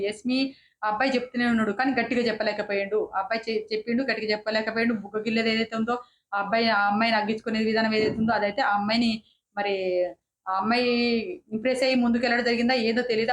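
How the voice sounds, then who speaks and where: Fast-talking indignant woman. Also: a little high, echoey room. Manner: indignant, repeats herself, frequent restarts. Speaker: reality show reviewer. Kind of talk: casual opinionated commentary.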